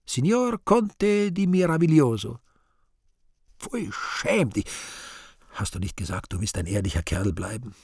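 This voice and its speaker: A male actor performs a brooding, vain, scheming devil in a theatrical radio play monologue, muttering to himself and bursting into exclamations in a mood of vain daydreaming. His raspy, gravelly voice sits at medium pitch with a sing-song, slightly slow and somewhat mellow delivery. The sound is a dry, clean studio recording.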